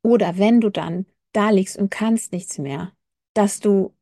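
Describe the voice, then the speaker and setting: A woman who coaches people with chronic pain speaks casually and reflectively to the listener in a direct-to-camera talk, acting out inner voices as she goes. She addresses the listener informally with frequent fillers, in a warm, medium-pitched voice at a slow pace. The recording is studio quality with no room sound.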